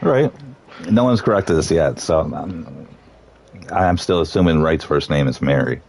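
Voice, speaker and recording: Deep-voiced man calling a race grid. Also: a little slow, gravelly, slight background noise. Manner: reads out grid positions in a relaxed, joking way. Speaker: sim racing commentator. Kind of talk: live casual race commentary.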